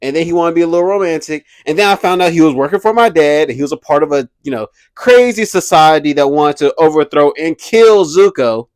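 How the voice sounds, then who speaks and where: A young man hosting a casual commentary video, animated and slangy, laughing often as he talks. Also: a little high, a little fast, hardly any pauses, dry recording. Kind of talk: casual pop-culture commentary.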